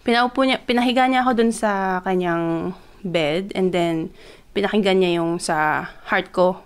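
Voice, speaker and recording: Her voice is lowish and clean, and she takes a measured pace. This young Filipina vlogger recounts something personal in a relaxed way, moving between Tagalog and English with many fillers and building excitement as she goes.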